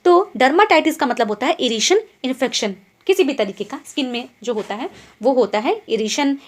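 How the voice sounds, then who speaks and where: Lively high-voiced woman teaching vocabulary. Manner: keeps asking quiz questions and tag checks like "ठीक है?"; explains in Hindi mixed with English words. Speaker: English exam teacher. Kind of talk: online vocabulary lesson.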